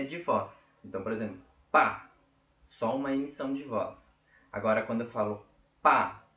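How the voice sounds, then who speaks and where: A man's voice: mid-range voice, a bit bright. A man teaching a casual lesson, explaining step by step and checking in often with his listeners. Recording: echoey room.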